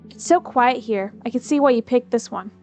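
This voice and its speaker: A woman voicing a gentle, easygoing elderly grandfather in a story game, speaking slowly and softly. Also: on the high side, faint music behind, natural voice.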